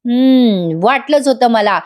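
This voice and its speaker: A woman voicing a protective young woman who scolds in a sharp tone, in a retold serial scene. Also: fairly high pitch, animated, measured pace. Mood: scolding.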